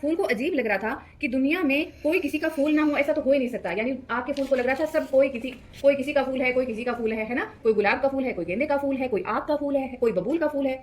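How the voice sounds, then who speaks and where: A woman's voice: high voice, quick pace, few pauses, a little mellow. A woman teacher reading a story aloud to children, explaining as she goes and asking the listeners questions. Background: background music.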